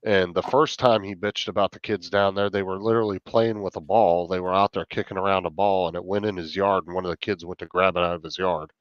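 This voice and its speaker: A man's voice: sits low, fairly even intonation, fast, few pauses. A middle-aged man chatting casually on a live stream, blunt and heavily profane as he rants. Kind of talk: casual chat. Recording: muffled, echoey room sound.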